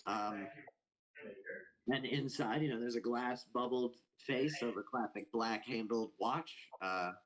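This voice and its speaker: A man running a tabletop game as dungeon master, narrating in a relaxed way with many fillers. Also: mid-range voice, measured pace, poor audio.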